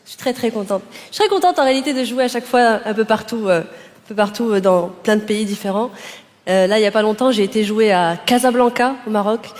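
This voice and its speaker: Energetic woman doing live stand-up. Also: medium pitch, fast talker. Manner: direct, energetic, addresses the audience. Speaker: stand-up comedian. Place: on stage before a live audience. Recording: live stage with loud crowd noise.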